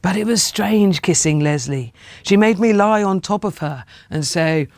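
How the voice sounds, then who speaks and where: A woman reading a personal story aloud in a measured, intimate way. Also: on the low side, animated, darkish tone, dry recording.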